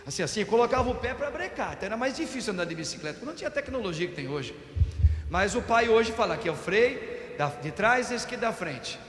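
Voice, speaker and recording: A middle-aged Brazilian priest giving an Easter homily, telling folksy stories with everyday examples. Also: male voice, sits high, big pitch swings, fast talker, fairly bright tone. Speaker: parish priest. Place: parish church. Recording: echoey church with long reverb.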